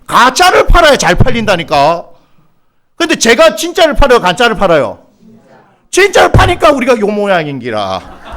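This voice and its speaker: A man's voice: very high-pitched, fairly bright tone. A middle-aged Korean pastor with a Gyeongsang accent preaching a sermon, teasing his congregation by name and bursting into mock exasperation.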